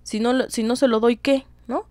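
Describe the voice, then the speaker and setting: A woman's voice: on the high side, fairly even intonation, moderate pace, darkish tone, no room sound, voice pushed up, lightly acted. A woman voicing an indignant young lady of the 1800s, firing off outraged questions.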